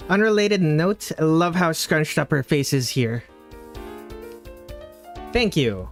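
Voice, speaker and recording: A man's voice: on the high side, animated, takes it slowly, faint music behind. A man streaming live on a headset mic, chatting casually with viewers while he draws, often trailing off and restarting his sentences. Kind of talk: casual livestream chat while drawing. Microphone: livestream headset mic.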